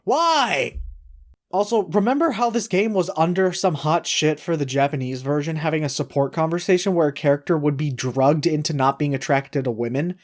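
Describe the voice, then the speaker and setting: A man's voice: on the high side, darkish tone. A young man ranting in a voice-over about video games, sarcastic and profane, exasperated at the story. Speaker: video game commentary creator.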